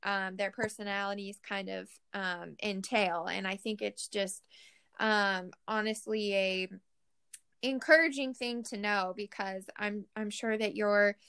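A woman's voice: medium pitch, steady tone, measured pace, sharp tone, clear, resonant tone. A woman hosting a podcast interview, talking earnestly with many fillers and restarts. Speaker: podcast host. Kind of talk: conversational interview.

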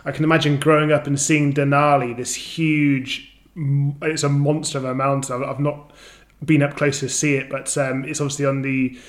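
A man's voice: medium pitch, little pitch movement, moderate pace. A man hosting an interview podcast, eager and enthusiastic, often repeating words and using fillers. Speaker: podcast host.

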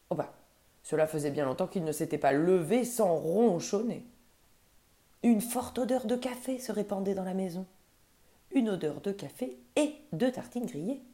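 Woman gently reading a children's story. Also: medium pitch, animated, moderate pace. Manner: gentle, dropping to soft hushed tones.

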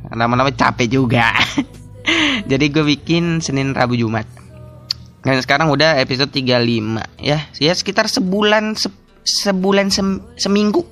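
A man's voice: on the high side, expressive, moderate pace, fairly bright tone, faint music behind. A young man with hosting a casual solo podcast, rambling, restarting sentences and laughing often. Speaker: podcast host.

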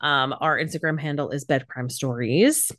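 A woman co-hosting a casual podcast, chatting in a relaxed way and wrapping up the episode with thanks and plugs. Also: low voice, normal speed. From Florida. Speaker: podcast co-host. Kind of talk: casual chat.

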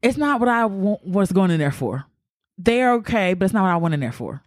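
A woman's voice: mid-range voice, very animated, brisk, dry recording, studio quality. A woman co-hosting a podcast in casual chat, talking loosely with slang and laughing often. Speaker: podcast co-host.

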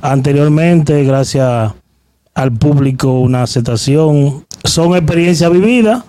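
A man's voice: a little high, a little slow, dark tone. A Dominican man, a musician guest, talking earnestly about his songs in a casual interview. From Dominican Republic.

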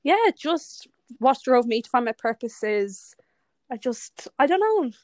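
Young Irish woman guest, frank and rambling, fairly high voice, dry close sound. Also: very animated, measured pace, darkish tone, no room sound. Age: 20s. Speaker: podcast guest. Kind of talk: casual interview chat. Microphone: remote call audio.

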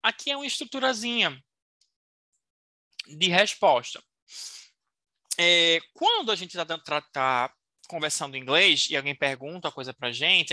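Bright, playful woman teacher. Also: low-pitched, no echo. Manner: playful, teasing, encouraging, models English phrases slowly. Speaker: English teacher. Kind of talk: recorded online English lesson.

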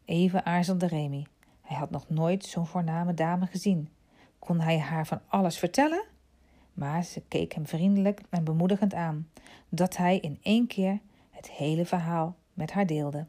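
Woman reading a storybook calmly. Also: on the low side, a little slow. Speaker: narrator. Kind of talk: storybook read-aloud narration.

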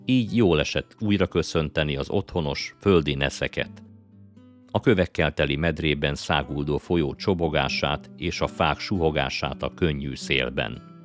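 Very deep-voiced male audiobook narrator. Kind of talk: scripted narration. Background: faint guitar music.

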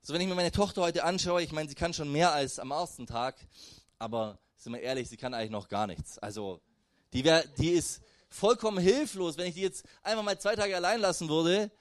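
A man's voice: fairly high pitch, fairly quick, dry recording, studio quality. A young man giving a casual, conversational sermon, talking straight to his listeners. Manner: conversational, lively, addresses listeners directly with "hey" and "weißt du". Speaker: preacher.

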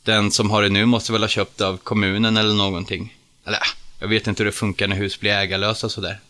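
A man reading a story aloud as narrator in a steady, plain storytelling manner. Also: fairly low pitch.

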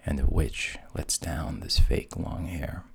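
Gravelly, very deep-voiced male storyteller. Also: slow. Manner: wry, deadpan asides. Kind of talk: fairy tale narration, often half-whispered.

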